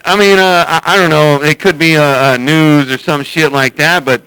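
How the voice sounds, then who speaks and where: A man's voice: a little high, fairly even intonation, normal speed, sharp tone, clear, resonant tone, dry recording, rough recording. A man in casual radio chat as a CB operator, rambling along in a blunt, salty way. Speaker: CB radio operator who records and uploads chats.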